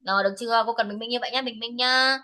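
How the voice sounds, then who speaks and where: A woman's voice: a little high, steady tone, rapid-fire, bright, forceful tone, rough recording. A woman teaching speaking over a video call, switching between English and Vietnamese as she corrects a student firmly. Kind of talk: one-to-one speaking test feedback.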